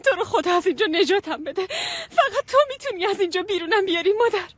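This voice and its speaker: An actress voicing a defiant young woman who is locked away, pleading with her mother and plotting in low hushed tones. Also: expressive. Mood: pleading, scheming. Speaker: daughter. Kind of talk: TV drama dub.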